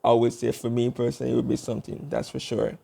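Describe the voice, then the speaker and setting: A young man talking to camera in a casual vlog, rambling with fillers and restarts as he tries to keep his speech slow. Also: mid-range voice, big pitch swings, gravelly, warm tone. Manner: working to speak slowly and deliberately. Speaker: YouTube vlogger.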